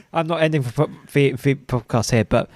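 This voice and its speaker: A man hosting a podcast, talking about an old episode in a dry, wry way with some halting restarts. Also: a little high. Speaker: podcast host. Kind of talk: casual review chat.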